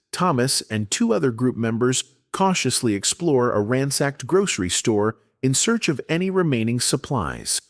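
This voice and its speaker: Lively dramatic male narrator, dry close sound. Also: mid-range voice, no room sound. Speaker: comic recap narrator. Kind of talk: scripted narration.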